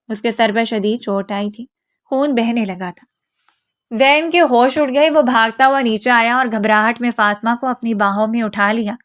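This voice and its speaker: Brief: woman storyteller, calm and even, fairly high pitch, scripted narration. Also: no echo, clean studio sound. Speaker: novel narrator. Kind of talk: scripted narration of a romance novel.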